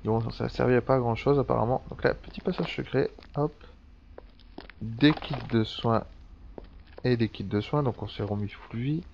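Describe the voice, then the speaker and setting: A man's voice: medium pitch, moderate pace, gravelly, a little hiss or hum. Male let's-play commentator, casual, swears freely, muffled home recording. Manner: chatty, swears a lot, thinks aloud. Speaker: gameplay commentator. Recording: dull lo-fi sound with faint background ambience.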